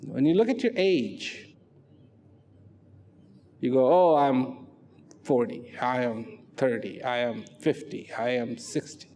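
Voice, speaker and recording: A man giving a dramatic motivational narration, slow and emphatic, asking rhetorical questions and sometimes dropping to a near whisper. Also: mid-range voice, dark tone, a little hiss or hum.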